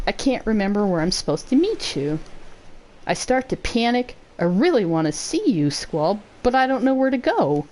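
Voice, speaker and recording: A woman's voice: fairly high pitch, darkish tone, close to an everyday voice. A woman voicing an earnest, emotional young woman, telling things in a heartfelt, wistful way.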